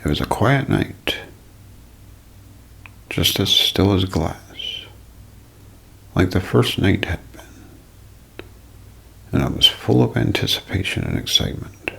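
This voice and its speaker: In a gravelly, husky voice that often drops toward a whisper, a man delivers a scripted, dramatic ASMR mystery narration with deliberate storyteller phrasing. His voice is deep and a bit bright, and his delivery is animated.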